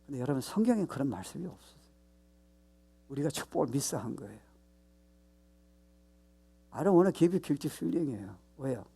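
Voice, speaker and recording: A male pastor preaching a sermon, stressing points loudly, then dropping to low asides, with English phrases mixed into his talk. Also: very animated, a little slow, pauses often, husky. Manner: emphatic, mixes English phrases into his Korean; swings between loud stress and low, soft asides.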